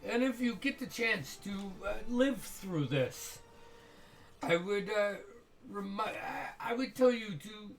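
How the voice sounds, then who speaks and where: A man playing a menacing, suspicious guard who questions intruders with measured, sarcastically polite threats. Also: high-pitched, very animated, a bit bright, exaggerated voice. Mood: veiled threat.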